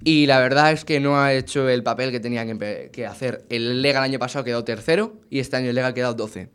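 Chatting jokily with friends, a Spanish-accented man runs through the football news with animated energy. He speaks quickly in a clean, mid-range voice.

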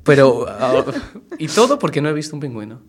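A man's voice: mid-range voice, sing-song, a little fast. Laughing guy from spain, chatty podcast host, spins a long joke. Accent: Spain Spanish. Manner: playful, laughing storyteller. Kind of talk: casual chat, telling a joke.

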